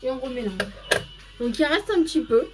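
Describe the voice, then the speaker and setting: A woman's voice: high-pitched, lively intonation, brisk, music in the background. A woman hosting a casual live makeup stream, chatting to viewers by name and explaining each step as she goes.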